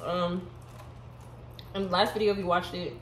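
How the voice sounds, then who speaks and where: A woman's voice: lowish voice, flat delivery, moderate pace. A young woman from Houston talks in a laid-back, candid way with easy laughs. Her voice rings in a roomy space with a faint hum of ambience behind her. She sounds like a college sophomore chatting with a friend on camera. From Houston, Texas. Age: young adult. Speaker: vlogger. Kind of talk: casual chat.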